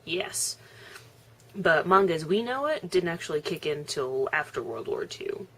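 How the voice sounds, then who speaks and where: A woman's voice: deep voice, sing-song, measured pace, a bit bright. A young woman chatting casually on her video blog, laughing often and chewing as she talks. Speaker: vlogger. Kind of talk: casual vlog chat.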